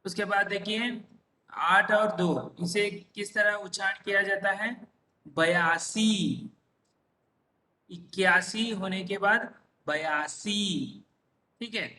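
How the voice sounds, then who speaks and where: Man teaching, slow and deliberate, high voice, echoey room off the mic. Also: pushed and bright, recorded from a distance. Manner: drawn-out repeated pronunciations, asks and answers himself. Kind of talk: slow classroom-style number lesson.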